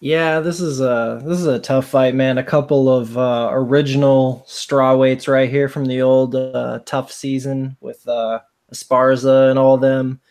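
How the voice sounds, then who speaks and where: A man's voice: mid-range voice, level tone, a little slow, hardly any pauses, a little mellow. A young man co-hosting a podcast, breaking down fights in a laid-back way and often tacking on "man". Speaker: podcast co-host making fight picks. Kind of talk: casual chat.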